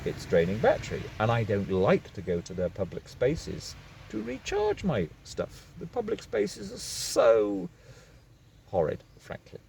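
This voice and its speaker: A man's voice: mid-range voice, huge pitch swings, unhurried, creaky, darkish tone, a little hiss or hum. A man talking into his phone camera from a parked vehicle, rambling and going off on digressions in a casual vlog. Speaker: vlogger.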